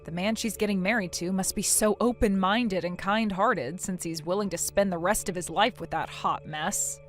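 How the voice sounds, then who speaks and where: Woman as fed up younger sister, mid pitch, dry and sarcastic, audio story drama. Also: moderate pace, faint music behind, close to an everyday voice. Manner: dry, curt, guarded. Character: weary, sarcastic younger sister, hard-working and unimpressed. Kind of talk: scripted audio story dialogue.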